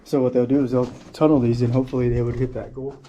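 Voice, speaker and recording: A man exploring old mine tunnels who talks with excitement about their history and swears for emphasis. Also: mid-range voice, quick pace, highs cut off, a little hiss or hum. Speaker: hiking companion. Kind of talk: casual chat.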